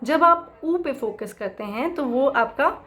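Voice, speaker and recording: A woman teaching how to chant, explaining slowly, patiently and with repetition. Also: high voice, animated, pushed and bright. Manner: slow, explanatory, fond of repeating herself. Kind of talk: spoken instruction mixing Hindi and English.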